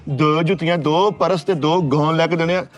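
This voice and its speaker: A man's voice: fairly high pitch, fairly even intonation, normal speed, soft background music. A man in a comedy sketch, stubbornly scolding and brushing others off. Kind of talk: rapid comic banter.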